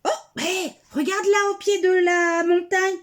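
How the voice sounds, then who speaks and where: A woman telling a children's story aloud, gentle and coaxing. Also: very high-pitched, steady tone, slow.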